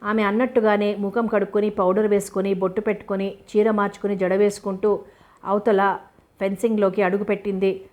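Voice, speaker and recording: A woman narrating a novel as an audiobook, in a steady, measured way. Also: mid-range voice.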